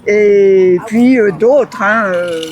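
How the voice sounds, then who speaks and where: A woman's voice: medium pitch, very slow, a crowd in the background. A woman answering a street interview thoughtfully, with many hesitations. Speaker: passerby.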